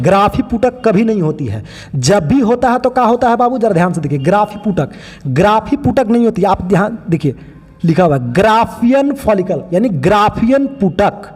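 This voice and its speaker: A man's voice: high-pitched, big pitch swings, moderate pace, darkish tone, breathy edge, big-room sound. A man teaching biology, pointing out other teachers' mistakes in a critical, explaining way. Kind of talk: online lesson commentary.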